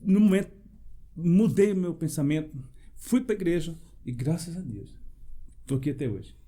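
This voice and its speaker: A man's voice: on the high side, lively intonation, moderate pace, dark tone. A man, a pastor preaching in a panel debate, emphatic and full of rhetorical questions, breaking into short laughs as he tells a personal testimony. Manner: laughs between phrases.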